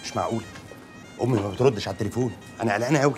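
An actor gives a young man with an Egyptian accent, fretful and tripping over his words. He talks in a rush, with clear music playing under him. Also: fairly low pitch, very fast, lightly acted. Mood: anxious. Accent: Egyptian Arabic. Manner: flustered, stammering. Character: nervous son dodging a dinner. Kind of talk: comedy series acting.

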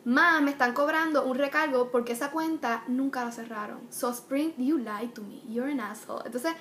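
A woman's voice: high-pitched, normal speed, a bit bright, a little hiss or hum. A young woman, ranting bluntly and chattily in a casual vlog, swearing freely. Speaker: vlogger.

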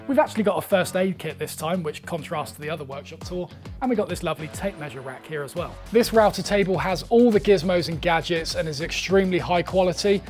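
A young man with a notably high speaking voice leads a tour of his own workshop. He reels off tools and shelves in quick, upbeat lists with plain enthusiasm. Faint music plays underneath him. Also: expressive, darkish tone. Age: young adult. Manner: enthusiastic, brisk listing of items. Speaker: woodworking channel host. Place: indoor workshop, small and cluttered.

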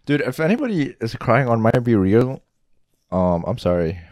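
A man's voice: mid-range voice, sing-song, moderate pace, darkish tone, no room sound. Laid-back young man, dry close sound. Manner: laid-back, laughs through his own stories. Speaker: podcast co-host. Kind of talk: casual chat.

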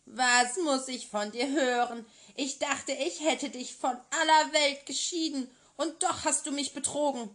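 A woman's voice: high-pitched, measured pace, hardly any pauses, fairly bright tone, pitched above the performer's own voice. A woman voicing an angry, scornful old sorceress in a children's fairy tale, scolding and mocking harshly. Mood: furious scolding.

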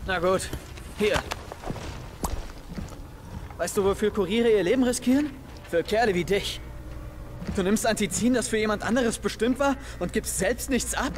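A man's voice: sits high, lively intonation, unhurried, pauses often, faint music behind. An actor playing a brash young male survivor leader in a video game, curt, impatient and sarcastic. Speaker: game character. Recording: game audio with clear background noise.

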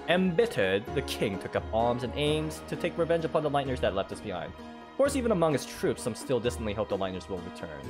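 A man's voice: medium pitch, natural voice. A man reading video game dialogue as a weary, resigned old male shopkeeper creature. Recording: game music behind voice.

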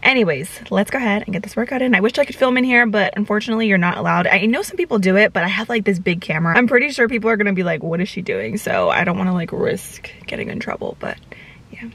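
A woman's voice: mid-range voice, animated, quick pace, vocal fry, fairly bright tone. A young woman vlogging in a casual, chatty way, with lots of loose filler words as she talks to the camera. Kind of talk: casual vlog chat.

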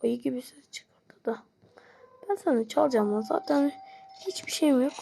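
High, gravelly-voiced excitable woman gamer. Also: moderate pace, slight background noise. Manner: excitable, pleading and yelling at the game. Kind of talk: live gameplay commentary.

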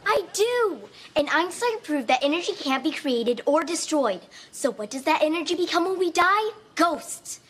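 A female actor with an American accent playing an excitable, frightened young camper in a sitcom, speaking emphatically. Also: high voice, normal speed, few pauses, slight background noise. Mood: earnest, spooked. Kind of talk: broad sitcom acting.

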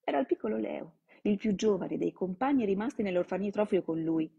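A woman narrating a novel aloud in a slow, dramatic storytelling manner, live from home. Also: mid-range voice, animated, creaky, warm tone, breathy edge, lo-fi sound. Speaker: reader. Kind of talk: dramatic audiobook-style reading.

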